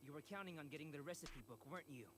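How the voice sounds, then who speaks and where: A man's voice: on the high side, racing, natural voice. A man playing an earnest, polite young amateur investigator in a video game. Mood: firm. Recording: game audio with music underneath.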